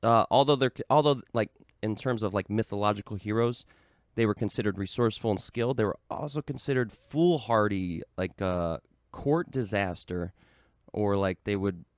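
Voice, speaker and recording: A man's voice: on the low side, normal speed, no room sound, clean studio sound. An American man co-hosting a podcast, casually explaining a topic with lots of fillers like "um" and "like". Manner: relaxed, filler-heavy, lots of "um" and "like". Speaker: podcast co-host.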